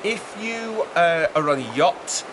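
A man's voice: a little high, expressive. A middle-aged man, talking casually to camera in a raised, projected voice as he explains a project. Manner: chatty, raised voice projected over background noise. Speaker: vlogger presenting a build project. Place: outdoors beside a fast-flowing river. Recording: outdoor recording with rushing river noise.

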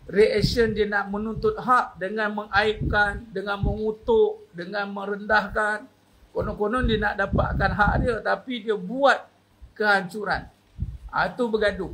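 A man's voice: sits high, a bit bright, slightly rough, poor audio. A man with a Malaysian accent giving a religious talk as a preacher, emphatic, slipping in English words and asking his listeners "ha?" between points. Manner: emphatic, punctuates points with questioning "ha?".

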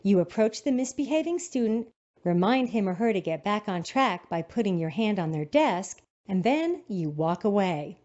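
Woman, scripted narration, calm instructive tone, lively intonation, mellow voice, dull lo-fi sound. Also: medium pitch, normal speed.

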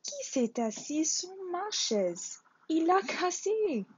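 A woman voicing a small, upset boy bear cub in a high, tearful voice for a storytime. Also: sing-song, slow, noisy background, heavily acted. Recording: dull lo-fi recording.

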